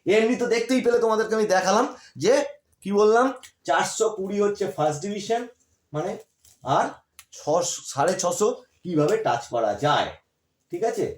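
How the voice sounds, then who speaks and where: A man's voice: high voice, lively intonation, normal speed, pauses often, echoey room. A man who tutors school students online, giving encouraging study advice and checking in with "ঠিক আছে?" as he repeats his points.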